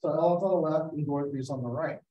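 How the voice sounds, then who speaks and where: On a video call, a photographer gives a guest slideshow talk, telling stories and dramatizing quotes from people he mentions. He talks fast in a fairly high voice. The audio is dull, roomy, and distant, since he is away from the mic.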